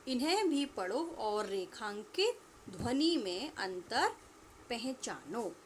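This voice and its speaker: A woman's voice: a little high, big pitch swings, a little hiss or hum. A woman teacher giving a lesson to young children, asking questions and answering them herself, and stretching out words for pupils to repeat. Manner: slow, drawn-out repetition for pupils to echo. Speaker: school teacher.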